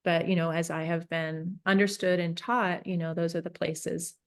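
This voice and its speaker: A woman from Northern California, a peacemaker and facilitator, talking through her thoughts in an interview with many pauses and restarts. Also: fairly low pitch, flat delivery. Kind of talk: reflective interview talk.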